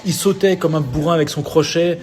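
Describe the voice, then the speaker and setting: A man's voice: on the high side, fairly even intonation, a little fast, a little mellow. A man with a French accent talking boxing in a casual podcast chat, hesitant, restarting his sentences with fillers. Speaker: podcast co-host.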